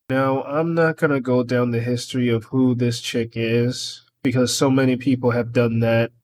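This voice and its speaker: A man giving a casual, rambling commentary monologue about online drama, voicing his irritation. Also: mid-range voice. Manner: rambling, opinionated. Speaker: commentary YouTuber.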